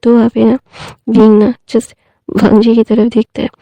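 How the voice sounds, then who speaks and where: A woman's voice: on the high side, completely flat delivery, normal speed, warm tone, no echo, poor audio. A woman narrating a fan fiction story in a casual, conversational way with frequent asides and fillers.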